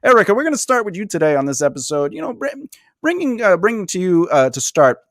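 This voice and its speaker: A man hosting and moderating a roundtable talk show, joking with his guests and now and then putting on a deep radio voice. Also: sing-song, quick pace, fairly bright tone, no echo. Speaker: host and moderator. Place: small studio set with a table and backdrop.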